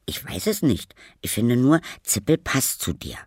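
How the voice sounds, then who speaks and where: Man playing Zippel, a squeaky little ghost. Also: sing-song, measured pace, sharp tone, no room sound, studio quality, exaggerated voice. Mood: playful. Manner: squeaky, wondering, playful. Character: tiny mischievous keyhole ghost, curious and cheeky.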